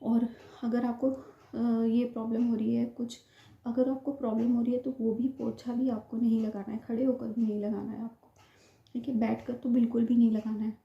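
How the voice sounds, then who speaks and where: A woman's voice: fairly high pitch, little pitch movement, moderate pace, creaky. A young woman, slightly short of breath, earnestly giving repetitive, instructive advice in casual talk to camera. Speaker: vlogger sharing her IVF experience. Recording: roomy, dull lo-fi home recording.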